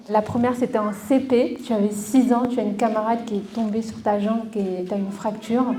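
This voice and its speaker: A woman's voice: on the high side, warm tone, slight background noise. A woman hosting an interview, asking long questions in a friendly way with many hesitations. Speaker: interviewer, business event host.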